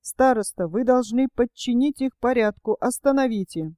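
A woman reading the lines of a stern police chief in a storybook, loud and measured. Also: a little high, no room sound, clean studio sound, natural voice. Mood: commanding.

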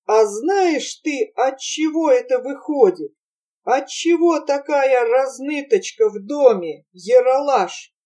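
A woman's voice: high voice, lively intonation, recorded from a distance. Woman doing a jeering brutish merchant father. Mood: angry. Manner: jeering, slow and loud. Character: coarse mocking old merchant father.

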